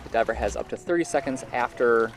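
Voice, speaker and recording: A man's voice: mid-range voice, fast, music in the background. An American man doing live sports commentary, explaining at an easy pace with frequent fillers. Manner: explanatory, relaxed, many fillers.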